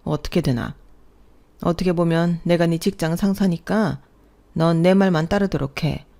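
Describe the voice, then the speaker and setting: A woman acts out a domineering middle-aged mother-in-law in a storybook drama. Her voice is warm in tone but loud, sharp and scolding, always ordering the young bride around. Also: fairly low pitch, normal speed, creaky.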